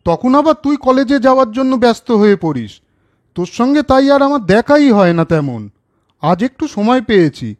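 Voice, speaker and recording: A man with a very high-pitched voice plays a caring, principled older brother in a children's cartoon story, questioning and gently lecturing.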